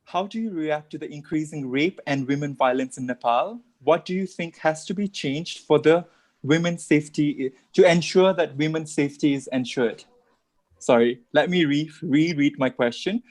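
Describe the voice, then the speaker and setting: A man with a somewhat high voice puts questions to pageant contestants as a judge. He reads carefully and stops to rephrase. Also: moderate pace, darkish tone. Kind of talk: asking judging questions.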